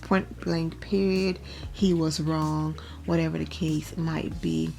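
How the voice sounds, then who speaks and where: Woman doing a chatty recap vlog, lowish voice, faint music behind. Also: flat delivery, takes it slowly, gravelly, mellow. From Liberia. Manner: chatty, opinionated, laughs often. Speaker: vlog host reviewing a reality show.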